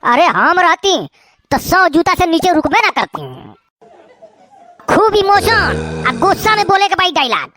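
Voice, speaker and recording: A woman's voice: extremely high pitch, sing-song, a little slow, fairly bright tone, soft background music, some chatter behind, heavily acted. A woman with a Bhojpuri accent voicing bickering village men and a fussy film director in a comedy cartoon, teasing and stammering through the lines. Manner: teasing, quarrelsome banter with stammers. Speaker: cartoon voice actor.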